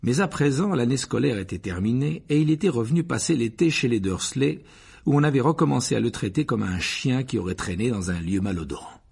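A man narrating a children's novel aloud, expressive, often dropping to a hush at the ends of phrases. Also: mid-range voice, brisk, creaky, husky. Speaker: audiobook narrator. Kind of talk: scripted narration.

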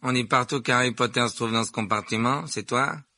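A man's voice: mid-range voice, a little fast, sharp tone, dry recording, pitched above the performer's own voice. A man voicing an arrogant, contemptuous rich boy who drawls his insults. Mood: sneering.

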